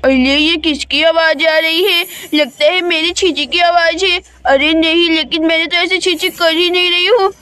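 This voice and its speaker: A woman's voice: very high-pitched, fairly even intonation, normal speed, hardly any pauses, sharp tone, dry recording, voice pushed down. A woman voicing Sweety, a terrified young girl. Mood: scared. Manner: pleading, crying out for help. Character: frightened young girl trapped in a bathroom.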